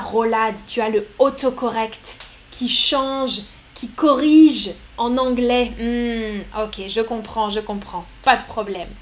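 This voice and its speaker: Slow, encouraging teacher woman. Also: on the high side, a little hiss or hum. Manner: slow, encouraging, switches between French and English. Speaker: French teacher. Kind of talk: live online lesson.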